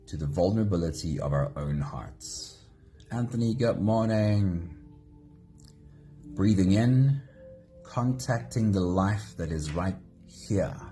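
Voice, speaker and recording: A very deep-voiced man leads a live guided meditation at an unhurried pace. His tone is mellow and gentle. Soft music plays faintly behind him. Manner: slow, gentle, greets viewers by name. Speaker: meditation host.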